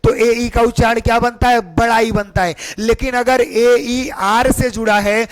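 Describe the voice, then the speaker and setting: Sing-song male teacher, high voice. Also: little pitch movement, unhurried. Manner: sing-song, repeats questions back to students. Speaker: English teacher. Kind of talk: online class.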